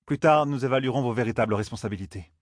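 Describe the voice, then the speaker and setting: A man's voice: medium pitch, rapid-fire, no echo, studio quality, pitched above the performer's own voice, lightly acted. A man reading an audiobook, voicing a stern, prickly woman who speaks curtly. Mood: measured. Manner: curt, cold, commanding.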